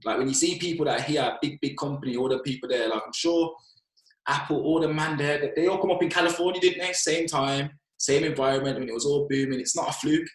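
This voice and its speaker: A man's voice: on the high side, fairly even intonation, quick pace, reverberant, rough recording. A man with a London roadman accent speaking as a podcast guest in casual chat, opinionated and emphatic, full of slang. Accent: London roadman, urban slang.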